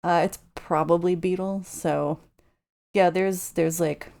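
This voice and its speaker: A woman with a lowish voice and plenty of gravelly vocal fry talks as a podcast guest. She is an entomologist who explains insects in plain, knowledgeable terms and casual chat. Her sentences often restart as she works out how to put things. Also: steady tone, slow pace, darkish tone.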